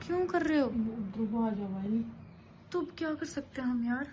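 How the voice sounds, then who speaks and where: A woman with a high voice chats to her viewers and turns to coax a small child. She sounds fond and playful. Faint background noise runs under her. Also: animated, normal speed, mellow. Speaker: vlogger. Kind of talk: casual vlog talk.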